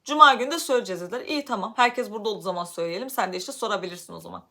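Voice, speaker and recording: A woman from Turkey telling a story casually to her vlog audience, animated, her voice getting loud when she is upset. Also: mid-range voice, very fast. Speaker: vlogger.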